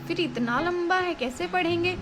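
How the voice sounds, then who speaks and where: A woman's voice: very high voice, moderate pace. A woman teaching devotional Sanskrit recitation, explaining and chanting syllable by syllable. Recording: music playing behind.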